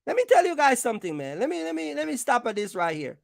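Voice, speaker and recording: A fast-talking trucking channel host gives viewers advice in an informal explainer, blunt and emphatic, using slang and repeating phrases for stress. Her voice sits high, sing-song and creaky with a darkish tone, in a dry, clean studio recording.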